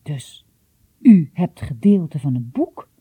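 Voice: medium pitch, big pitch swings, slow pace, husky, narrow, tinny audio, heavily acted. A reader voicing a curious, eager young man who asks astonished questions, in an audiobook. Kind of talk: audiobook reading.

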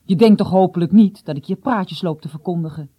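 A woman's voice: lowish voice, lively intonation, normal speed, warm tone, dry recording. A woman voicing a stern, cool middle-aged father who questions his son seriously.

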